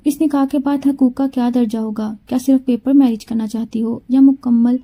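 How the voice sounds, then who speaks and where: A woman voicing a stern, serious male army major who speaks slowly and curtly. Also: a little high, fairly even intonation, warm tone, close to an everyday voice. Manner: slow, serious delivery.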